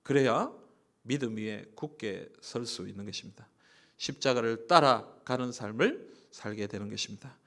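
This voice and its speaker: A man from Busan with a Gyeongsang accent, preaching a sermon as pastor, moving between soft conversational asides and emphatic, rising lines. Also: mid-range voice, normal speed. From Busan, South Korea. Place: church sanctuary.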